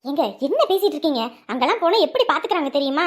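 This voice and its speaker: Very high-voiced exasperated young wife, acted by a woman. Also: animated, quick pace. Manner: exasperated, talking back. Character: put-upon young wife, defiant and exasperated. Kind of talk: family drama acting.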